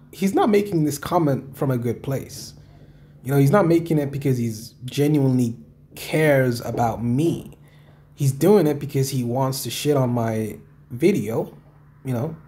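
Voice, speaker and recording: A man's voice: medium pitch, warm tone. A man casually talking through viewer comments as a video creator, rambling and repeating himself with some swearing. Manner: rambling, repetitive, often swearing. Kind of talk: casual talk, reading and answering comments.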